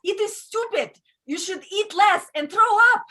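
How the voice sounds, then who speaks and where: High bright-voiced woman comic, non-native speaker. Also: moderate pace, poor audio. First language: not English. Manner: deadpan, self-interrupting with fillers. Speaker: stand-up comedian. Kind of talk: stand-up set.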